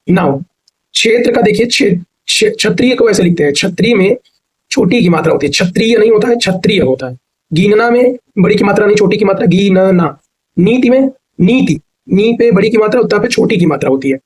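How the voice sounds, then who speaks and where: High pitched guy running an online class, asks then answers, repeats everything, drags words out. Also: darkish tone, poor audio. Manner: repetitive drilling question-and-answer; stretches words to show spelling. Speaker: Hindi teacher. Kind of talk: online exam-prep lesson.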